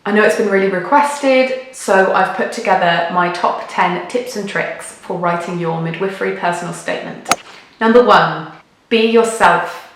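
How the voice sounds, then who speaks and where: A British woman giving emphatic, encouraging advice straight to viewers, recorded in a big-echo, sparsely furnished room at home. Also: mid-range voice. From United Kingdom. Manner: emphatic, encouraging, repeats key words for stress. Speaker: video host, midwifery adviser. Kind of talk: direct-to-viewer advice video. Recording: big echoey hall-like room sound.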